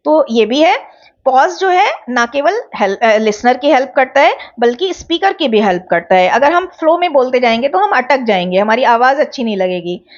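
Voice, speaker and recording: Lively-voiced woman teaching a class. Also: sits high, moderate pace, highs cut off. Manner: explains terms with examples, mixing English words into Hindi. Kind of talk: online exam-prep lecture.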